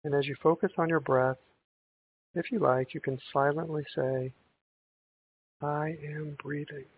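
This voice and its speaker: A man guiding a breathing meditation in a calm, gentle, meditative tone, on a thin band-limited recording. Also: on the high side, normal speed. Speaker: meditation guide. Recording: tinny band-limited audio with hiss.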